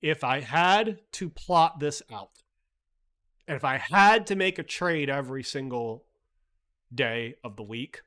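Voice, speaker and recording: A man's voice: medium pitch, lively intonation, takes it slowly, fairly bright tone. A man hosting a livestream, casually talking through the market, blunt and profane, filling his talk with "like" and "right?". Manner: chatty, reads chat, frequent "like" and "right?". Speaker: livestream host.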